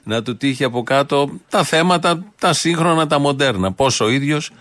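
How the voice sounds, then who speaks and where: A man's voice: fairly high pitch, expressive, a bit bright, no room sound. A man hosting a satirical radio show, talking in a sarcastic, emphatic way. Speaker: radio host.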